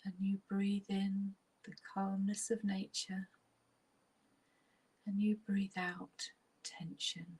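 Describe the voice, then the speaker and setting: A soft, husky woman's voice, breathy and almost whispered, leads a relaxation meditation at an easy, soothing pace with long pauses. It stays mid-range with a level tone.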